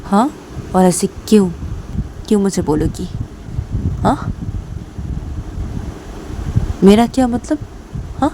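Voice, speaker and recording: A woman's voice: mid-range voice, animated, unhurried, dark tone, slight background noise, poor audio. A woman voicing an angry young female student who reproaches her teacher lover. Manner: reproachful, repeats her complaints.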